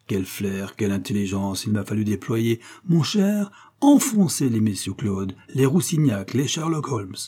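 A man voicing a pompous, doddering elderly gentleman who lectures his friend with boastful, self-satisfied reasoning in a storybook reading. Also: lowish voice, big pitch swings, measured pace, few pauses, husky, exaggerated voice.

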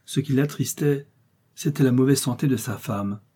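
A man's voice: medium pitch, moderate pace, warm tone, husky, natural voice. A man voicing a loyal old male servant who speaks earnestly and pleads, in an audiobook reading.

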